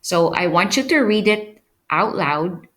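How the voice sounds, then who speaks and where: Slow, patient woman teaching a class. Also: on the low side, animated, a bit bright. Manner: slow, patient explaining, frequent "okay?" check-ins. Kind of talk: recorded online class lesson.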